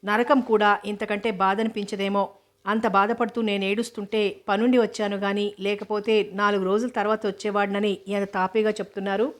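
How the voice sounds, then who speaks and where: A woman voicing a hurt, indignant young woman who speaks reproachfully and a little louder than her narration. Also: medium pitch, flat delivery, moderate pace, natural voice.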